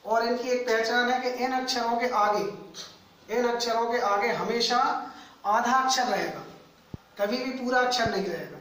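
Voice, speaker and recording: A man teaching a grammar lesson to coaching students, speaking slowly and repeating key points, addressing them as friends. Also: very high voice, fairly bright tone, recorded from a distance. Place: coaching classroom. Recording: echoey room, voice away from mic.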